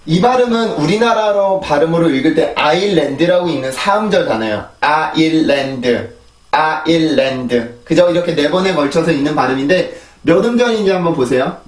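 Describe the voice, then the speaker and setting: A man gives a pronunciation lesson in Korean, explaining English sounds, repeating drill words three times, and checking in with his students. His fairly high voice has lively intonation and a quick pace with hardly any pauses. Recorded at a distance on a desk microphone, the sound is roomy.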